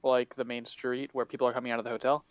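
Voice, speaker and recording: A man's voice: mid-range voice, flat delivery, fast, no echo. A young man playing a tabletop game, asking the game master a string of questions. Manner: inquisitive, asks many questions. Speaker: player. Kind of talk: casual chat at a tabletop game. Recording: dull lo-fi mic.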